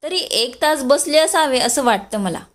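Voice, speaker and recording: A woman's voice: high-pitched, animated, moderate pace, voice pushed up. A woman voicing a shy, polite young wife in a storybook reading.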